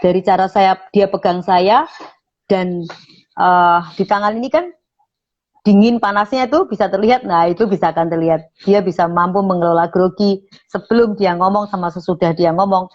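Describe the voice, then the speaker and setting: A woman's voice: mid-range voice, normal speed, darkish tone. A woman, a radio station manager, explaining public speaking in an online interview and acting out sample phrases. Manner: explains with frequent "nah", acts out sample phrases. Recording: muffled online call audio.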